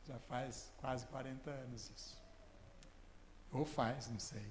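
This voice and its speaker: A man in his sixties, a pastor, preaching a sermon in an emphatic, forceful tone in a church hall. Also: medium pitch, steady tone, slow pace, a little hiss or hum. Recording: echoey church hall, long reverb.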